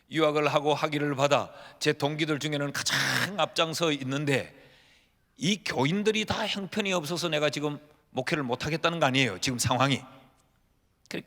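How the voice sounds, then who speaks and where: A man in his fifties preaches from the pulpit with a rather high voice. He tells stories with humor and acts out prayers as lively dialogue. A long church-hall reverb trails each phrase. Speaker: pastor. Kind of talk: sermon. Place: church sanctuary.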